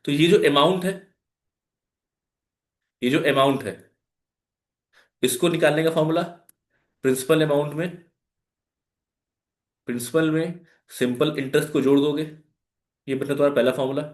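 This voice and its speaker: A man's voice: on the high side, steady tone, moderate pace, long pauses, echoey room. A man with an Indian accent teaching a live online maths class, explaining step by step and putting questions to his students. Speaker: maths tutor.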